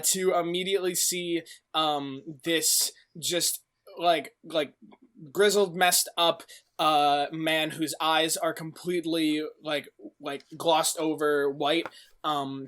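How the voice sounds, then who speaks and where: A man's voice: a little high, fairly bright tone. A man narrating a tabletop horror game as game master, rambling with many fillers. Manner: rambling, filler-heavy, laughs often.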